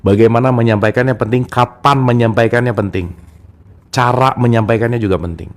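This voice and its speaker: A man's voice: medium pitch, fairly even intonation, fairly quick. A man giving a casual, chatty talk about a self-help book and speaking straight to his listeners as friends. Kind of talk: casual spoken book discussion.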